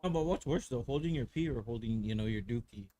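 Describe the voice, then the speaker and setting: A man's voice: medium pitch, animated, fast, mellow. A man co-hosting a podcast, telling a story in slangy, laughing casual chat. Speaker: podcast co-host.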